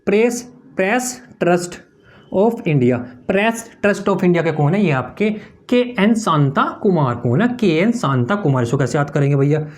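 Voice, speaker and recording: High-voiced man drilling exam mnemonics. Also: sing-song, moderate pace. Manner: repeats each answer as a question-and-answer drill, calls students "bhaiya"; talks while writing on a board. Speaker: exam coaching teacher. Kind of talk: mnemonic tricks lesson.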